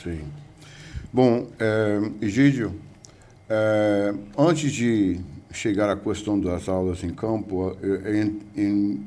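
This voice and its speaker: An older American man, a guest professor, speaks hesitantly with many fillers during an interview conversation. He has an American English accent and a fairly low, dark voice.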